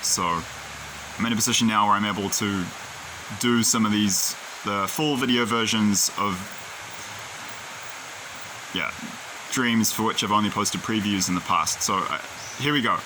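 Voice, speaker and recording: A New Zealand man who creates videos talks casually to the camera he films himself with, rambling, digressing and sharing strong opinions. His voice is fairly low and a little slow, with long pauses and background noise.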